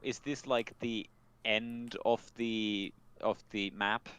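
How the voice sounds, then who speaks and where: A man's voice: fairly low pitch, slow, clear, resonant tone. A man playing a tabletop game, talking casually with frequent restarts and hesitations. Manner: hesitant, restarts often, animated. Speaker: player.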